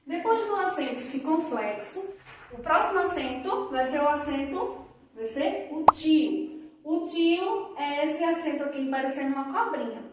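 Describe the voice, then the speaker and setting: A woman teaching young children in a recorded lesson, drawing out example words slowly for them to repeat. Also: high-pitched, expressive. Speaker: primary school teacher. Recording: echoey room, voice from a distance.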